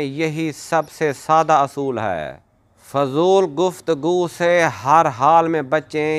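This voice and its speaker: A man with a fairly high, smooth and resonant voice reads short motivational sayings one after another. His delivery is measured and declarative, every maxim spoken as a firm, finished statement. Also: fairly bright tone. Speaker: narrator of motivational quotes. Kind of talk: scripted motivational narration.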